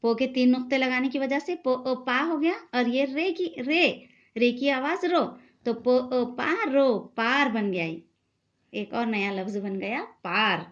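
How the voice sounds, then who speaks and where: A woman's voice: sits high, lively intonation, unhurried. A woman teacher giving a lesson to children, speaking patiently and sounding out letters one by one. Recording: dull lo-fi sound.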